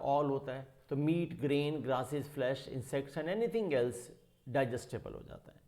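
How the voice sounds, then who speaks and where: A man with an Indian English accent gives an unhurried vocabulary lesson, taking his time as he walks through word roots. His pitch sits in a middle range, and he reads the English slowly, then explains it quickly in Hindi. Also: a little mellow.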